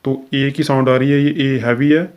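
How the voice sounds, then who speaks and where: A man talks through a recorded lesson in a steady, unhurried teaching manner. His pitch sits in an ordinary middle range but barely moves, so his delivery stays even and level. He pauses with small fillers as he explains each step. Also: smooth, highs cut off. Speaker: shorthand teacher.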